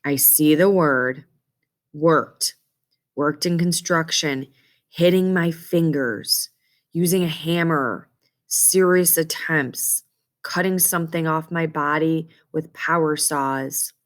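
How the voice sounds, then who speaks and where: A woman's voice: low-pitched, slow. A woman teacher giving an instructional reading lesson to children, explaining step by step and often checking that they follow. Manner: checks understanding often with okay and questions.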